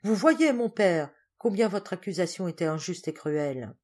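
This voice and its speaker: A woman's voice: on the low side, expressive, moderate pace, a little mellow. A woman reading the part of an impassioned young man pleading with his father, in a fervent, declamatory way. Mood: indignant.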